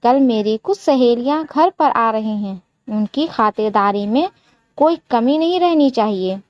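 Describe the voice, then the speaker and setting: Woman doing a scornful mother-in-law, storybook, taunting, slow, slightly high voice, dull dry recording. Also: lively intonation, no room sound. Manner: taunting, scolding. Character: harsh scornful middle-aged mother-in-law.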